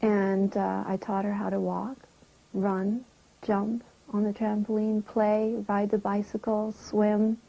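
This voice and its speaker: A middle-aged woman interviewed as a mother, speaking slowly and haltingly, with a breathy voice that often drops to a whisper. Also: medium pitch, flat delivery, mellow. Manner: slow, halting, emotional. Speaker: mother interviewed about her children. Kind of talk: documentary interview. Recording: dull lo-fi recording.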